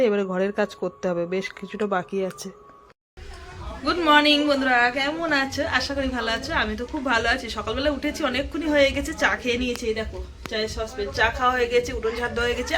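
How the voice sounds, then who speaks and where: A hoarse woman with a cold, chatting directly with viewers in a casual daily vlog recorded around her home. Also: a little high, fast, a bit bright. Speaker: vlogger. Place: at home, kitchen and rooftop. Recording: home recording with clear background noise.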